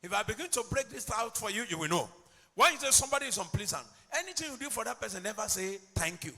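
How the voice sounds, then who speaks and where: Male pastor preaching, high ringing voice, big hall echo, shouts then drops low. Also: lively intonation, fast, faint music behind. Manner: emphatic preaching, swings from shouts to low asides. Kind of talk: sermon.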